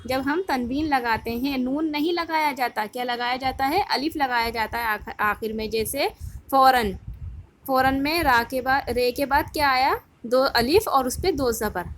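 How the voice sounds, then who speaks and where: A woman's voice: high voice, few pauses, fairly bright tone. A woman teacher giving a recorded grammar lesson to children, patiently asking the class questions and answering them herself. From India. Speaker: school Urdu teacher.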